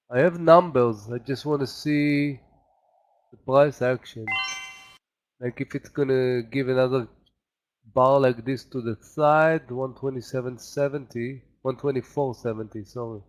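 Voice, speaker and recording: Thinking out loud through live trades, a day trader offers casual, halting commentary in English, which isn't his native language. He has a mid-range voice.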